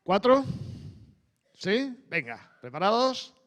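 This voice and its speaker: A man's voice: sits high, slow. A middle-aged man giving a conversational sermon, often checking in with the audience. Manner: animated, asks the audience frequent questions. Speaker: preacher. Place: church hall.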